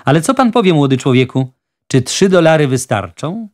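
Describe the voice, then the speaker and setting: A genial, wealthy judge, played by a man in a storybook reading. He talks on in a jovial, fussy, persuasive way, his voice set higher than the reader's own. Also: very animated, moderate pace. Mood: amused. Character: genial wealthy middle-aged judge, talkative.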